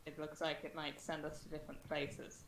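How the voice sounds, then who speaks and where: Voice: medium pitch, completely flat delivery, brisk, creaky, a bit bright. A person chatting casually as a player in a tabletop game. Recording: echoey, noisy microphone with clicks.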